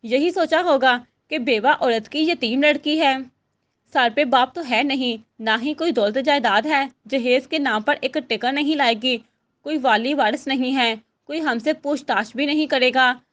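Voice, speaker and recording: A woman's voice: high-pitched, unhurried, a bit bright. A woman voicing a witty, teasing young daughter in a storybook reading. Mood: bitter, resigned. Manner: playful, wry.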